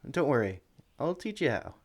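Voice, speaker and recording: A man with a mid-range, very animated voice at normal speed plays a caring, experienced Pokemon sanctuary worker guiding a newcomer through an ASMR roleplay. Upbeat and encouraging, he keeps up gentle, chatty one-sided talk and coos to the creatures.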